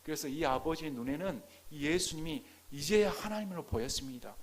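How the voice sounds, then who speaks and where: A man preaching a sermon as a pastor. He swings between loud, crying-out peaks and hushed near-whispers, acting out quoted prayers. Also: a little high, animated, fairly quick. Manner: acts out quoted prayers and parents' lines.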